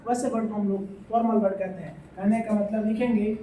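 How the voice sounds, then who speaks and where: A woman's voice: mid-range voice, fairly even intonation, brisk, mellow. A woman teaching a classroom grammar lesson, mixing Hindi and English, asking her class questions and repeating the answers. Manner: mixes Hindi and English phrases; scolds noisy students. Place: classroom with students. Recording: echoey room, voice from far off.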